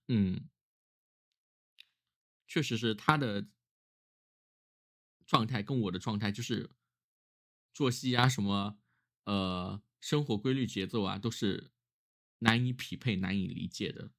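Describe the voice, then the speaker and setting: A man's voice: lowish voice, measured pace, pauses often, fairly bright tone. A man who is ill with a cough, talking casually and reflectively on his own in a weary, musing way, as a solo vlogger.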